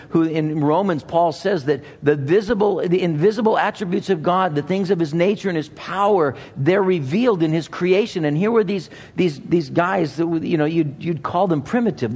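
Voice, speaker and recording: Higher-voiced male preacher in a reverberant hall. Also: moderate pace, few pauses, darkish tone, husky. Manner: earnest, emphatic, repeats phrases for emphasis. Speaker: pastor. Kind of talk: sermon.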